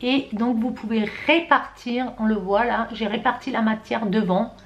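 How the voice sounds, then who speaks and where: This beauty vlogger, a middle-aged woman from France, talks her viewers through a makeup tutorial in a chatty way, frequently correcting herself. Her fairly high voice keeps a steady tone at a moderate pace, and the recording has its highs cut off plus a little hiss or hum.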